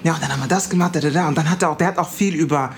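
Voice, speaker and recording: A young man from Germany, a podcast guest telling stories in a casual, animated way and acting out the people he quotes. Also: fairly high pitch, very fast, gravelly, slight background noise. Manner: animated storyteller, acts out quoted voices. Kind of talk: casual storytelling chat.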